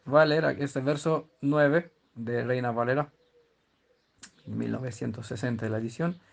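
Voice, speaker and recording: A man's voice: mid-range voice, fairly even intonation, normal speed, vocal fry. A man from teaching scripture in a conversational way, often stopping to check that his listeners follow and restarting his sentences. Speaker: Bible teacher.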